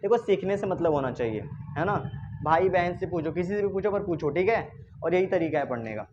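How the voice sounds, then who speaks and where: A man teaching English pronunciation to a class, asking questions and repeating words slowly. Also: high voice, animated, lo-fi sound, background noise. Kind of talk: classroom lesson.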